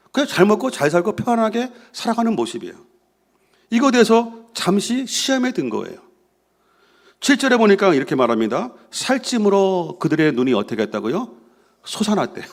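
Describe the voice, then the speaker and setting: A man from Korea preaching a sermon, asking the congregation questions and acting out the voices of doubters. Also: on the high side. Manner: animated, acts out voices of doubters and mockers; asks the congregation questions and answers with "예". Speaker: pastor.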